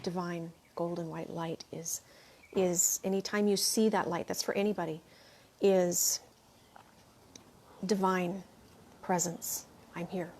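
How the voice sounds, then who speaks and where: Gushing spiritual host reading live comments. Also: female voice, lowish voice, fairly even intonation, takes it slowly, pauses often, a little mellow, slight background noise. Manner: gushing, repeats thanks over and over; reads viewer comments aloud and answers them. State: clearing her throat now and then. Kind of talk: live chat after a meditation.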